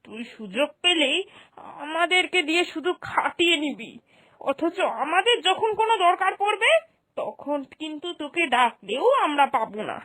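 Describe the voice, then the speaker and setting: In a cartoon moral story, a woman plays an exasperated, sharp-tongued older mother and mother-in-law who scolds through reproachful questions. Her voice sits high.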